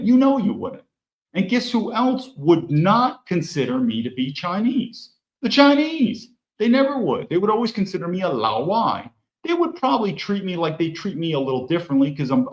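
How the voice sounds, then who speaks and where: A man hosting his own political show, delivering an emphatic, opinionated monologue full of rhetorical questions. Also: on the high side. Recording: echoey room, dull lo-fi sound.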